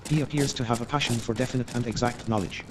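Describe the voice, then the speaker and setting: Man playing a courteous, hedging Victorian gentleman. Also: mid-range voice, fairly even intonation, noisy background, natural voice. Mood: uneasy, explanatory. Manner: formal, measured, hedging. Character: Stamford, courteous, hesitant, gossipy Victorian gentleman. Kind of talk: staged radio play dialogue.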